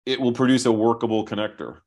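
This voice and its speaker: A man on a video call walks through his software as he shares his screen. He talks briskly and thinks aloud, often restarting a phrase. His pitch sits at an ordinary middle height. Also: fairly even intonation. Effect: heard over a video call. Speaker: software company founder as guest. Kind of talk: explaining software while sharing screen.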